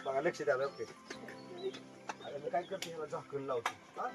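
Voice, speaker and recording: A middle-aged magician works an outdoor farm crowd. His voice sits high for a man, and he is a joking showman who keeps calling for loud applause. Clear music plays behind him. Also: moderate pace. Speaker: magician performing for a tour group. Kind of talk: lively stage patter with crowd banter. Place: outdoors at an agro-tourism farm.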